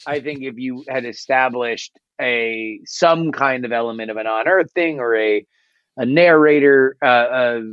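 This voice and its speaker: A man giving a casual, halting critique as a judge on a podcast contest, full of restarts. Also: clear, resonant tone, dry recording, muffled recording. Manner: hesitant, many restarts, acts out lines in a high voice.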